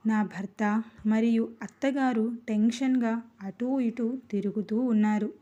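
Woman telling her own story, kinda high voice but soft and mellow. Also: fairly even intonation, a little slow, highs cut off. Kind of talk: first-person story narration.

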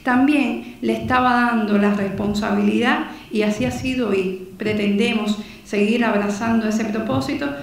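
A Cuban woman in her forties speaks at a panel table into a table microphone, earnest and measured, reading passages and then explaining them with small fillers. Her voice sits a little high and carries a strong hall echo, sounding somewhat off the mic. It is a live conference talk in a large room. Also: steady tone, distant mic. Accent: Cuban Spanish. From Cuba. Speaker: conference speaker, newspaper director. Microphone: table microphone on a stand.

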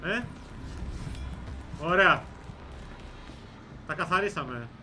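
A man hosting a let's play, giving excitable gameplay commentary full of yelling, cursing and comic threats at the enemies. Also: a little high, slight background noise.

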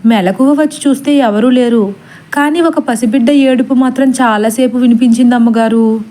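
A woman's voice: a little high, fairly even intonation, moderate pace, dark tone, natural voice. A woman voicing a sleepy, dismissive maidservant who placates her frightened mistress. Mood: placating. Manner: drowsy, placating.

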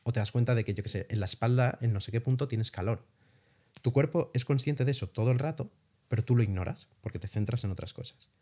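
As a guest in an informal interview, a young man from Spain shares travel experiences with animated storytelling and some mild cursing. He is a fast talker with a medium-pitched voice.

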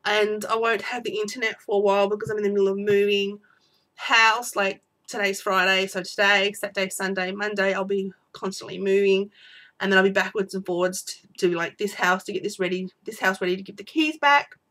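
A woman's voice: medium pitch, fairly even intonation, fairly quick, fairly bright tone. A woman vlogger talking in an unedited personal video diary, teary with her voice breaking, rambling and apologetic.

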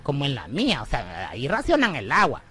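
A woman's voice: a bass voice, wildly swooping pitch, brisk, a bit bright. A young Salvadoran woman hosting a comic radio monologue, teasing and sassy, calling the listener amor and bebé. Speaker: radio comedy host.

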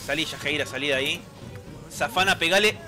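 Man, Rioplatense accent, gameplay streamer, very bright voice, slightly high, faint music behind. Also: fairly quick. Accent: Rioplatense Spanish. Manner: chatty, excitable, reads game text aloud, answers chat. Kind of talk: casual gameplay commentary.

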